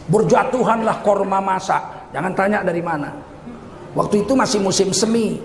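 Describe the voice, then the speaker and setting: A man from Indonesia preaching a humorous sermon, telling the story with lively asides and acted-out quotes. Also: high voice, moderate pace, echoey room, in a large hall, slight background noise.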